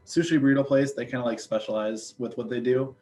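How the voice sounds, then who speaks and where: A man's voice: mid-range voice, steady tone, fast talker, a little mellow, a little hiss or hum, poor audio. A young man, a student ambassador chatting casually with lots of fillers and jokes. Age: young adult. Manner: chatty, filler-heavy, joking. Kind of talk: casual chat.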